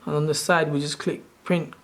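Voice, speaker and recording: A man's voice: on the high side, little pitch movement, moderate pace. A man in his thirties from Sri Lanka, hosting his own channel and talking through a screen-share tutorial in a loose, rambling way, often correcting himself as he goes. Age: 30s. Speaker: channel host.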